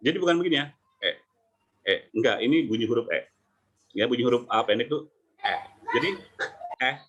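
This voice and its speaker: Lively man demonstrating English sounds. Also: mid-range voice, brisk, husky, muffled recording. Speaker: English pronunciation coach. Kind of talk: online teaching talk.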